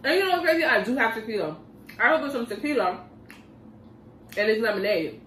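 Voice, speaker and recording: A woman's voice: on the high side, expressive, fairly quick, a bit bright, slight background noise. Slangy woman chatting while she eats, echoey room, mic kinda far off. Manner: laid-back and slangy, talks between bites. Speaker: mukbang vlogger. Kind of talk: casual chat while eating.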